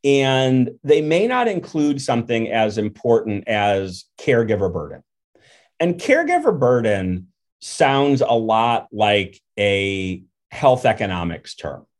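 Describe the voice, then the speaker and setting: Slow, measured man hosting. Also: mid-range voice, sing-song. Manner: measured, explanatory. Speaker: podcast host. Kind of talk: conversational interview.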